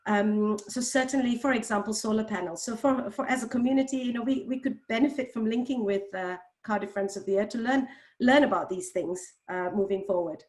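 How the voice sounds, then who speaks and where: A woman's voice: medium pitch, brisk, darkish tone. A woman speaking on a video call panel in a hesitant way, with many fillers. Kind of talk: panel discussion.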